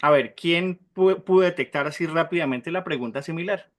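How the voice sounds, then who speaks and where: A man teaches a Bible class and keeps turning to his students with questions, checking they follow along. He spells out Hebrew terms slowly for them. His voice sits a little high. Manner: questions the class often, tag "¿sí?".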